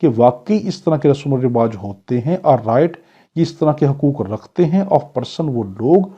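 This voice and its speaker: In a dull, lo-fi lecture recording, a man with a Pakistani accent teaches law for exam preparation. His medium-pitched voice is expressive, mellow, and slightly rough. He reads English clauses slowly before explaining them in Urdu, using examples and questions he answers himself.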